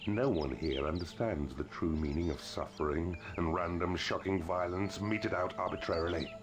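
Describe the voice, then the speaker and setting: An actor voicing a sinister, menacing game narrator who speaks slowly, ominously and theatrically. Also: male voice, low voice, over music, close to an everyday voice. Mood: sinister relish. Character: sinister, menacing male narrator mentor of evil.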